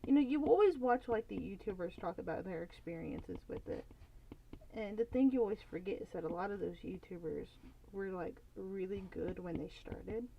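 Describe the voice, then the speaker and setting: A young woman talks through her drawing on a live stream, rambling and thinking aloud with plenty of "like" and "um". Her voice sits at an ordinary middle pitch. The audio is a bit dull and lo-fi, with a faint hiss and soft clicks behind her. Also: moderate pace, vocal fry. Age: young adult. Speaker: art streamer. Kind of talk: casual live-stream chat while drawing.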